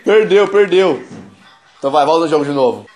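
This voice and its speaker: A man's voice: fairly high pitch, lively intonation, brisk, a little mellow. Teasing young man vlogging. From Brazil. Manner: teasing, mocking, often laughing. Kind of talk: casual prank vlog.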